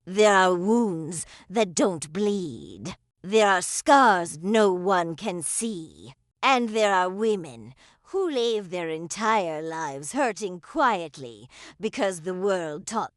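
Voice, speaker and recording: Slow, soft-spoken woman storyteller. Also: mid-range voice, no room sound, studio quality. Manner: slow, soft, measured delivery. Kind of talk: scripted first-person narration.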